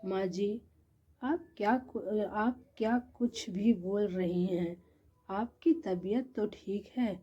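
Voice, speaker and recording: A woman's voice: medium pitch, slow, mellow, slight background noise, close to an everyday voice. A woman voicing a polite, pleading young daughter-in-law. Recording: dull lo-fi recording.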